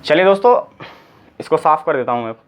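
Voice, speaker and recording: A man's voice: fairly high pitch, animated, a little fast, clear, resonant tone. Man teaching grammar, repeating points. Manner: repeats points and quizzes with rhetorical questions. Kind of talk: exam-prep grammar lesson. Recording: slightly dull lo-fi sound.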